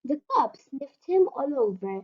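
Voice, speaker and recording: A woman reading a children's storybook aloud in a slow, expressive way. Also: high voice, highs cut off.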